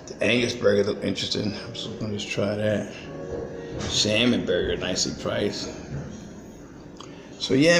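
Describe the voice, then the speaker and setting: An older man with a lowish voice and some vocal fry chats into his phone, held at arm's length, as he films a vlog in a small restaurant before moving out to the street. He's upbeat, plain-spoken and talkative, and the roomy restaurant has music playing behind him.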